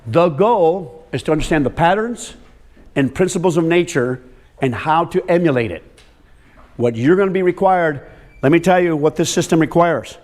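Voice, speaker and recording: A soil health speaker addresses a roomful of farmers head-on, walking among them, calling on people and repeating words for emphasis. He has a fairly high-pitched, expressive voice with a darkish tone, speaking at normal speed.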